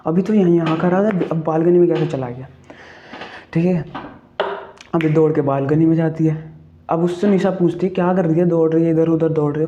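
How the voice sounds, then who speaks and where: A man's voice: fairly high pitch, mellow, highs cut off, slight background noise. A man casually retelling a ghost story, chatty, checking in with the listener and asking questions as he goes.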